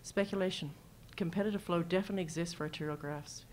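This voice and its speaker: A woman's voice: lowish voice, steady tone, quick pace, darkish tone, a little hiss or hum. A woman surgeon giving a conference talk, casual and anecdotal as she walks through slides full of numbers. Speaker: cardiac surgeon presenting at a symposium. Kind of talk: conference presentation.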